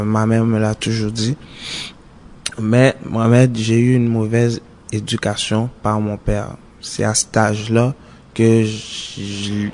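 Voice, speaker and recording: A man's voice: on the low side, darkish tone, slight background noise. A Haitian-born man, giving a frank personal testimony and speaking straight to a friend. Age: 20s. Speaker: detainee facing deportation.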